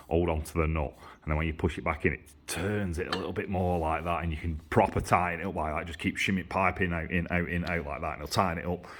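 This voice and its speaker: With a very deep but fairly bright voice, a mechanic and exhaust builder walks through practical work in his motorcycle workshop, recording on a handheld camera he holds. He keeps it informal, going step by step with repetition.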